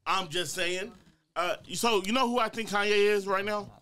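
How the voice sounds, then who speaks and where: A man's voice: high voice, normal speed, sharp tone, smooth. A man hosting a casual podcast, joking and ranting with animation. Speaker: podcast host.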